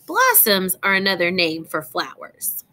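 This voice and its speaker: Reading a picture book aloud like a teacher, a woman speaks straight to young children, choosing her phrasing with care. Her voice sits on the low side, with wildly swooping pitch and a bright, forceful tone.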